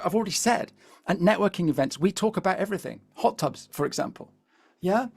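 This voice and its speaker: A British man leading a live webinar as a coach, chatty and animated, constantly asking the audience to reply in the chat. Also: high-pitched, vocal fry, husky. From Britain. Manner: peppers speech with "all right?" and "here's the thing". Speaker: LinkedIn coach.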